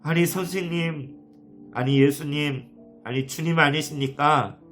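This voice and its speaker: A man doing a stunned grieving woman disciple. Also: unhurried. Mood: astonished. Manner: excited high exclamations. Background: soft guitar music.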